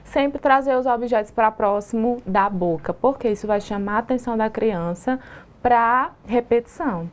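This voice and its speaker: A woman speech therapist with a Brazilian Portuguese accent, explaining patiently in a TV studio interview and asking rhetorical questions. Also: on the high side.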